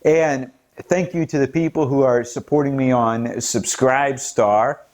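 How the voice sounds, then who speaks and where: A man from the United States, mid-range in pitch and darkish in tone, talks a little slowly with fairly even intonation. He hosts his own political commentary channel, and his scripted-sounding solo piece turns from earnest to indignant as he builds his case, stressing key points with rising emphasis.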